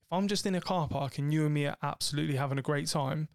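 Male co-host, cheeky and sweary, slightly higher voice with gravel, dry recording. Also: quick pace, no room sound. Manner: cheeky, joking, swears freely. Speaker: podcast co-host. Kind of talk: casual chat.

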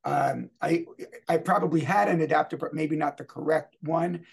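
A middle-aged man with a New York accent hosts a quiz segment in casual podcast chat, talking in a deliberate, discursive way. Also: on the high side, steady tone, gravelly, husky.

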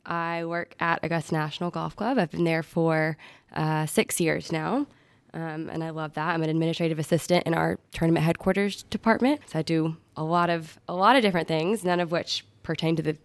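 Young woman, smooth lowish voice. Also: brisk, dry recording. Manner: relaxed, with fillers. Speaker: guest. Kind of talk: casual chat.

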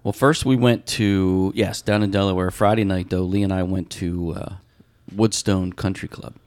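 His low, slightly mellow voice moves at normal speed with fairly level intonation as he co-hosts a podcast. Casual and rambling, he tells an extended story loaded with detail.

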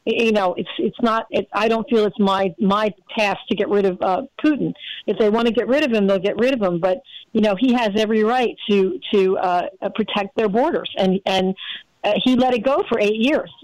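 A woman's voice: medium pitch, brisk, darkish tone, no room sound, low-quality recording. Radio host woman, middle-aged, blunt and rambling, dry close sound. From United States. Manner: blunt, rambling, frequent fillers. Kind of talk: casual opinion chat.

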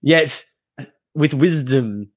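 A man's voice: medium pitch, drawn-out words, dry recording, clean studio sound. A man hosting a podcast in casual, joking banter with a wry, playful manner. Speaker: podcast host.

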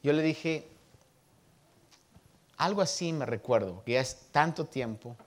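A man in his thirties, a pastor, preaching a sermon and telling stories from his childhood with lively voices for the people he quotes. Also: a little high, unhurried. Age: 30s.

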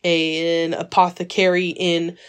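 A woman's voice: lowish voice, flat delivery, measured pace, clear, resonant tone. A woman talking earnestly with friends on a casual book club podcast. She presses her points, circling back with fillers and restarts. The sound comes off a phone recording. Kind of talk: casual chat.

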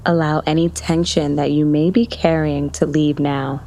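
A woman leading a guided body-relaxation meditation, speaking in soft, soothing instructions with long pauses. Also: deep voice, flat delivery.

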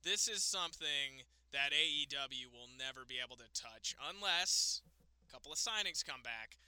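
A man with a sharp, bright voice and smooth, clear tone talks excitably about the latest wrestling show. He says "like" often and swears casually. The sound is close and dry, with no room around it. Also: a little high, moderate pace, no echo. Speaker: podcast co-host. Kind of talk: casual wrestling review chat.

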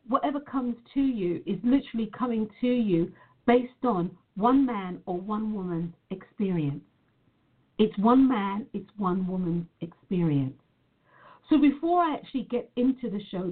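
A woman hosting a live self-help podcast in an emphatic, sing-song, welcoming delivery, stretching words and repeating phrases to her listeners. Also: medium pitch. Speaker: podcast host. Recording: tinny phone-line sound.

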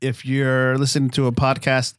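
A man's voice: medium pitch, monotone, normal speed, smooth, no room sound, clean studio sound. A man hosting a casual podcast from his man cave, chatty and laughing often as he runs through the show's housekeeping. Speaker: podcast host.

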